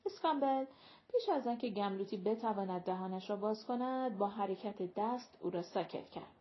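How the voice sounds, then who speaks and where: A woman reading an audiobook in a clear, even narrating voice. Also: mid-range voice, lo-fi sound.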